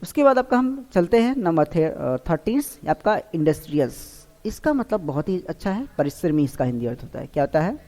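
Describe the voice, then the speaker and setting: A man's voice: on the high side, very animated, brisk, hardly any pauses, mellow. A man teaching a vocabulary lesson for exam preparation. He asks himself questions aloud and repeats each answer. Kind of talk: online exam-prep lesson. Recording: long hall-like reverb.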